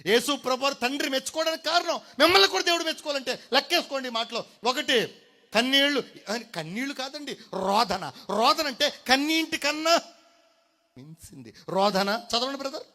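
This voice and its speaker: Male preacher, animated high delivery, hushed-to-loud swings, drawn-out emphasis. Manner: mixes in English phrases, addresses the congregation directly. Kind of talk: sermon.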